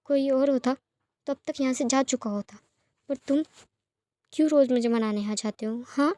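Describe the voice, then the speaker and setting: A woman's voice: sits high, moderate pace, warm tone, no room sound, natural voice. A woman voicing a hot-tempered young man. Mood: anguished. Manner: pleading and defiant inner monologue.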